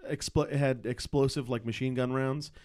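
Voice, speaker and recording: A man chatting casually with friends, eager and quick to agree. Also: medium pitch, fairly even intonation, a little mellow. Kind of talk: casual chat among friends.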